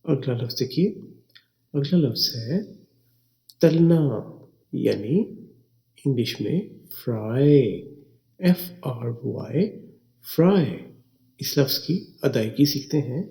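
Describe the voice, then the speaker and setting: A man gives an English vocabulary lesson at a very unhurried pace. His voice is dark and mellow, and he spells each word letter by letter, then repeats it. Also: medium pitch, lively intonation, vocal fry. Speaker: English teacher. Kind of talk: slow spelling and pronunciation lesson.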